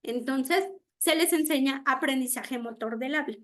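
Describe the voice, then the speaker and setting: A woman delivers an online speech therapy lecture, explaining with everyday examples, frequently checking in with "¿no?", and imitating how children mispronounce words. Her voice sits high and moves at a moderate pace.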